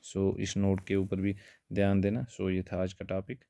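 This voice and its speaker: Flat-voiced low male biology tutor. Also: unhurried, gravelly, no room sound, clean studio sound. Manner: keeps calling students "beta", mixes in English terms. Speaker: biology teacher. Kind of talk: exam-prep lecture.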